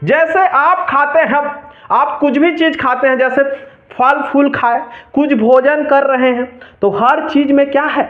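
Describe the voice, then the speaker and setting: Chhattisgarhi male tutor, high voice, slow drilling delivery, tinny echoey room recording. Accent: Chhattisgarhi Hindi. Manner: call-and-response quizzing, repeats key answers. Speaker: teacher. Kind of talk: exam-prep chemistry lesson.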